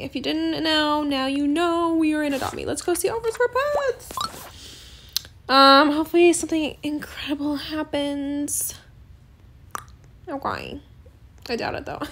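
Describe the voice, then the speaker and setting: A woman's voice: sits high, vocal fry. A woman hosting a gaming channel, chatting casually over her gameplay in a bubbly, giggly way and playing up small setbacks with mock melodrama. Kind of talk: casual game commentary.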